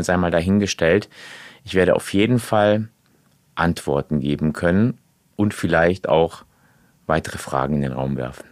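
A man from Portugal, a guest on a podcast, explaining things at length in a relaxed way. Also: sits low, no echo, clean studio sound. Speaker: podcast guest, magazine editor-in-chief. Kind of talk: casual podcast interview.

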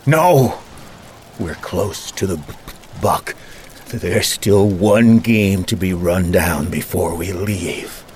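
Man acting an exhausted, irritable older boss, slow-spoken. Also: sits low, a little mellow, a little hiss or hum. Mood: weary, confused. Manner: halting, faltering, annoyed. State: weak, exhausted. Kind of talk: dramatic audio fiction acting.

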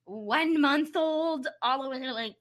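A woman's voice: high voice, fairly bright tone. A woman in a casual chat as an interview guest, drawing out her s sounds. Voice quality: drawn-out s sounds. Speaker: interview guest, voice and piano teacher.

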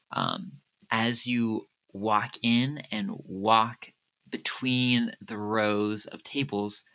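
A man acting as game master for a murder-mystery tabletop game. He describes scenes slowly, pausing and filling gaps with "um," and his voice has a bright, forward edge. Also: fairly low pitch, creaky. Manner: unhurried, halting, with many fillers.

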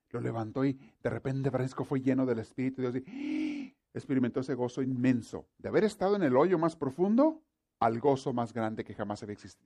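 A man's voice: medium pitch, mellow. A man preaching a sermon in an earnest, repetitive way, addressing his listeners as brothers.

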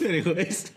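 Lively, drawling, giggly male comic host. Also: extremely high pitch. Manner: goofy, giggly, rambling with many fillers. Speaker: podcast co-host. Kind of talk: casual comedic banter.

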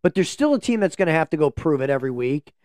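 A man co-hosting a laid-back sports podcast, rambling through game analysis with jokes along the way. His voice sits a little high for a man. The sound is dry and close, with no room in it. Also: big pitch swings, quick pace, darkish tone, dry recording. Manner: meandering, joking sports analysis. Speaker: podcast co-host. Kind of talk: casual sports podcast chat. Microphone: podcast microphone.

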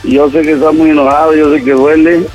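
Middle aged mexican dad on the phone, keeps repeating himself, slightly higher voice. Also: male voice, fairly quick, soft background music, poor audio. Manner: insistent, repeats words, pleading to calm down. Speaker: prank call target, father.

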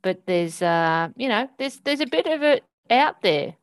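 A woman with an Australian accent co-hosting a sports podcast, measured and a little hesitant. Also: on the high side, big pitch swings. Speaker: co-host. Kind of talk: casual podcast chat.

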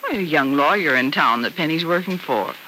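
A genteel, middle-aged American mother in old radio soap style. Her voice is very bright and moves in lively swings, dignified and polite, over faint hiss on a vintage recording. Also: low voice, brisk, rough recording. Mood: polite, puzzled. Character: polite, dignified small-town mother who stands firm. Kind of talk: old-time radio soap opera acting.

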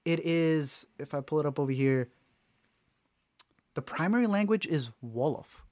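A man co-hosting a relaxed movie podcast, talking in an animated, joking way with quick asides. His voice sits a little high for a man. The sound is dry and close, with no room echo. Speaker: podcast co-host. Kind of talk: casual movie-news chat.

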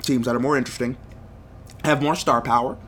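A man's voice: mid-range voice, steady tone, brisk, fairly bright tone, a little hiss or hum. A young man hosting a solo sports podcast, talking emphatically and getting heated, repeating phrases for punch. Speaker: podcast host.

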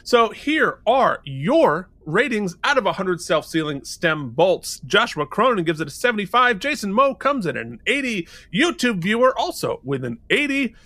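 A man's voice: high voice, sing-song, moderate pace, few pauses, sharp tone, no echo. A man in his forties co-hosting a podcast, chatting casually, playful and joking as he reads out listener ratings. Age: 40s. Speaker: podcast co-host.

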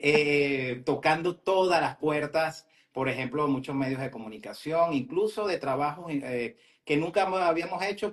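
A man speaking earnestly as a guest in a live interview, steady and motivational. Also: medium pitch. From Venezuela. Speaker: guest entrepreneur.

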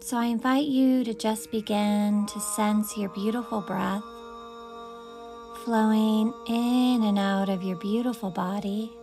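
Slow, soothing woman guiding meditation. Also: medium pitch, fairly even intonation, over music. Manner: soft, slow, soothing invitations. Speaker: meditation guide. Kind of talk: guided meditation.

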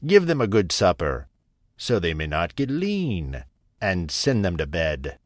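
A man voicing a greedy, menacing male ogre in a storybook reading, drawing out his words slowly. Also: deep voice, wildly swooping pitch, dry recording, clean studio sound, exaggerated voice. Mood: satisfied.

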